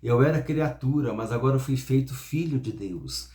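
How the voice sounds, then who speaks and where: A mid-pitched man with a Brazilian Portuguese accent gives a Sunday school Bible lesson. He explains point by point, circling back and repeating words as he teaches. His voice carries a noticeable room echo. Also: moderate pace, mellow. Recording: echoey room.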